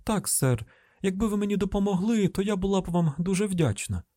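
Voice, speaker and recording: A man voicing a polite, quick-witted young woman trainee speaking deferentially on the phone, in an audiobook reading. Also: lively intonation, dark tone, no echo, studio quality. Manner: raised pitch, sweet deferential phone voice.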